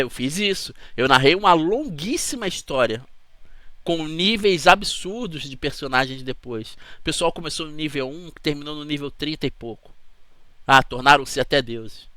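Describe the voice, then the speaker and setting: A man's voice: on the high side, sharp tone, no echo. A man with a Brazilian Portuguese accent, hosting his channel in a chatty, rambling talk to camera that keeps checking in with the listener. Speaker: channel host.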